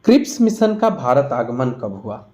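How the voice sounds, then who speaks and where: This history teacher sounds very animated, his mid-range voice warm and at normal speed, as he leads an exam revision lesson in an Indian accent, posing questions and then working through the answers.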